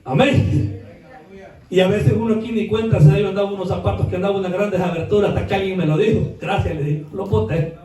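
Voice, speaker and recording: A male pastor from El Salvador preaching a sermon, swinging between quiet asides and shouted outbursts with rhetorical questions. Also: high voice, fairly even intonation, fast talker. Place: church. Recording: echoey church hall, mic at a distance.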